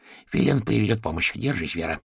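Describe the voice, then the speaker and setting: A man's voice: lowish voice, lively intonation, fairly quick, creaky, husky, no room sound, clean studio sound, exaggerated voice. A man reading an audiobook, voicing a bossy, worried female crow who scolds and fusses. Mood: soft. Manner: scolding, fussing.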